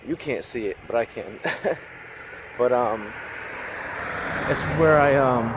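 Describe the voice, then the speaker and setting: Man, 30s, winded vlogger walking, loose and rambling, mid-range voice, street traffic and wind loud behind. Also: mid-range voice, slow pace. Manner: rambling, chatty, laughs between thoughts. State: out of breath. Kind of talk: casual vlog talk. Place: outdoors on a busy street, walking. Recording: outdoor recording with loud traffic and wind noise.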